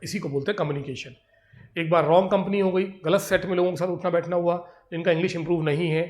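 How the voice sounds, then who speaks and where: An English grammar lecture is delivered by a man with an Indian accent who explains in Hindi and reads English examples slowly. His voice is high yet darkish in tone and steady, with a roomy sound.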